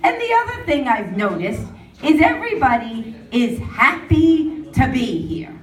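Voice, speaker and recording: A woman doing a stand-up comedy set at an open mic in a pub, animated and mocking as she talks. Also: high-pitched, measured pace, a little hiss or hum. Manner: animated, mocking voices of others. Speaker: stand-up comic. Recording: roomy pub sound from far off.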